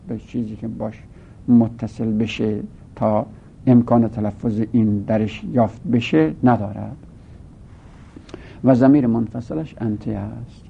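A man teaching a grammar lesson, asking and answering his own questions and drawing out his words. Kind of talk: grammar lesson, explaining step by step. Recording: gravelly voice on a tinny phone-like line with faint rumble.

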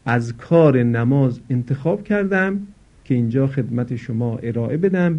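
A man's voice: medium pitch, vocal fry, a little mellow. Man teaching careful prayer recitation, dull recording. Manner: explanatory, stresses example words with slow careful emphasis. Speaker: religious teacher. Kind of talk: instructional talk on prayer recitation.

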